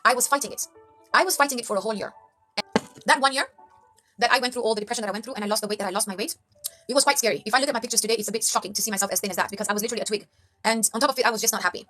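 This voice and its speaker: A young Kenyan woman, a life coach vlogger, delivers an earnest motivational talk to camera, preaching life tips and addressing her viewers as "guys." Her voice is a little high, rapid-fire and sharp, with soft music playing underneath.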